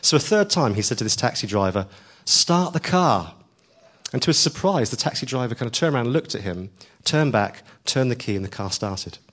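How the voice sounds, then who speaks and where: Man, preacher, sermon, earnest, emphatic, frequent ums, middle pitch. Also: expressive, quick pace, fairly bright tone. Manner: earnest and emphatic, rising to stress key lines, with frequent ums.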